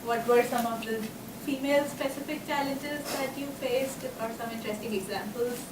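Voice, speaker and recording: A woman's voice: a little high, steady tone, moderate pace. A young woman in the audience of a lecture hall asking a question, hesitant and full of "uh"s. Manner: hesitant, many "uh"s. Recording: roomy, distant audience mic with noise.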